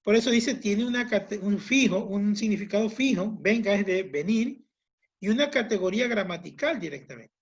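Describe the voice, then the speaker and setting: A male teacher with a notably high voice explains grammar patiently, going over each point again with simple examples. The recording is dull and lo-fi, with the top end muffled. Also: expressive, moderate pace. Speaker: language teacher. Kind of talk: online class lecture.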